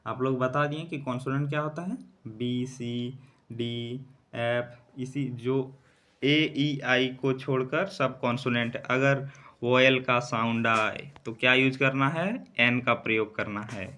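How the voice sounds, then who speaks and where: A man teaches English grammar in to exam students, with a voice of medium pitch. He keeps asking the class questions and then answers them himself. He spells out letters and example words slowly. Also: steady tone, sharp tone.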